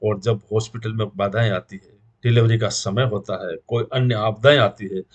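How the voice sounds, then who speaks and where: A man's voice: lowish voice, fairly even intonation, moderate pace, highs cut off. A middle-aged man with a Rajasthani Hindi accent, making an earnest moral appeal to the community as a guest speaker, preaching in rhythmic repeated lists. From India.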